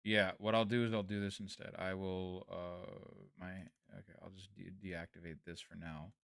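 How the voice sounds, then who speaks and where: A man's voice: deep voice, flat delivery, moderate pace, vocal fry, a bit bright, smooth, dry recording, studio quality. A man hosting a casual late-night news livestream, talking in a self-deprecating way and trailing off. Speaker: livestream host covering news.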